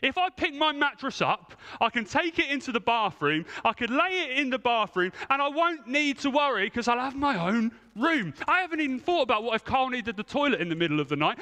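A man's voice: very high-pitched, bright, forceful tone. A man preaching a sermon, telling a humorous, self-mocking story from the church stage. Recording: long reverb of a large hall.

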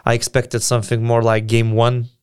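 Male sports talker, medium pitch, dry studio-close sound, conversational, emphatic, quick to give opinions. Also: monotone, clean tone, dry recording. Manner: opinionated, emphatic, repeats points. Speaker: basketball podcast co-host. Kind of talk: casual sports discussion.

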